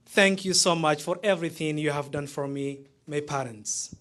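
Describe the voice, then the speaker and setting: A Somali man in his thirties, speaking with a Somali accent, delivers a prepared, heartfelt graduation speech in a measured way, pausing between phrases. His voice is fairly high-pitched and fairly bright.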